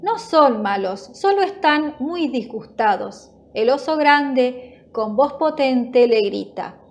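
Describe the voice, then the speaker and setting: A woman narrating a children's storybook in a slow, clear, gentle storytelling manner. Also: high voice, expressive.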